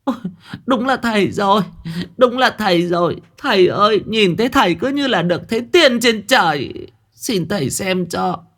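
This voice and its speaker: A man voicing a fawning village woman who begs a sorcerer for help, in a high squeaky wail. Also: lively intonation, moderate pace, a bit bright, heavily acted. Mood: pleading.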